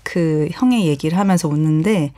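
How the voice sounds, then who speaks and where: A woman's voice: sits low, normal speed. Thoughtful woman guest in a radio studio. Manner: thoughtful, gently earnest retelling. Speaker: novelist guest. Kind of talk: relaxed radio book talk. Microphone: studio microphone.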